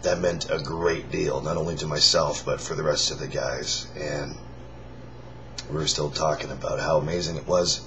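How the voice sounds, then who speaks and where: This exhausted band singer and vlogger, his voice gone, croaks out a raspy, breathy near-whisper by forcing air through a strained throat. The voice is very deep with a steady, slightly bright tone. He chats to viewers in a halting, rambling way, recorded with dull lo-fi sound and faint noise.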